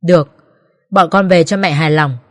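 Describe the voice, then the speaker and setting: A woman's voice: fairly low pitch, normal speed, no room sound, clean studio sound, close to an everyday voice. A woman voicing a young husband who pleads with his angry mother. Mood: pleading. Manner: pleading, exasperated. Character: pleading young husband, son caught between mother and wife.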